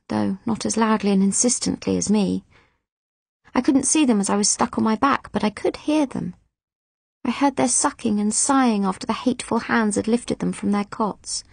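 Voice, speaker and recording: A woman narrates a children's novel in the first person with expressive, emotive storytelling. Her voice is fairly high and husky with a gravelly edge, recorded close and dry. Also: dry recording. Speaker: audiobook reader.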